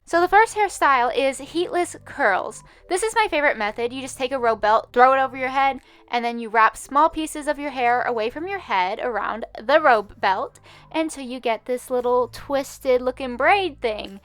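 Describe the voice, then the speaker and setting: A woman's voice: sits high, expressive, moderate pace, fairly bright tone, no room sound. A young woman giving a scripted voiceover for her hair tutorial, dropping dry jokes along the way. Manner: dry jokey asides. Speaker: beauty vlogger.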